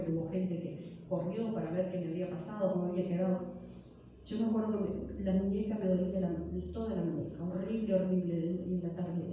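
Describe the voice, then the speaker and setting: A woman's voice: on the low side, dark tone, slight background noise. Fervent woman pastor in an echoey church. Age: middle-aged. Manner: fervent, many rhetorical questions and repetitions. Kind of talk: sermon with personal testimony. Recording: very echoey church hall, distant mic.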